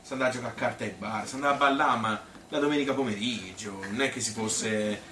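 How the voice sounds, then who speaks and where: In a spontaneous-sounding theatrical story, a male actor lightly plays a talkative Tuscan man looking back wistfully on his youth, rambling colloquially with many repetitions and appeals for agreement. His mid-range voice moves quickly, bright and forceful, and the echoey room, distant mic and faint noise shape the sound.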